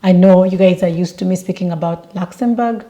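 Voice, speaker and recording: A young Ugandan woman vlogger chats casually in a travel vlog, her mellow, fairly low voice moving fairly quickly with lots of fillers and restarts.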